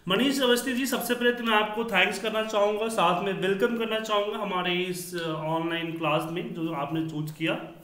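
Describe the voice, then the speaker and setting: A man's voice: sits high, fairly even intonation, normal speed, a bit bright. A man in his forties teaching a computer class over an online call, with a heavy echo on his voice. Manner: self-assured, explaining. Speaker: computer trainer. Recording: echoey room over a call.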